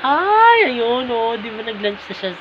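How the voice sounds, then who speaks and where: A man's voice: very high voice, very animated, measured pace. Chatty Filipino man vlogging at home. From Philippines. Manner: chatty, keeps addressing viewers as guys. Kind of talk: casual home vlog. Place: at home indoors. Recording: dull lo-fi audio with clear background noise.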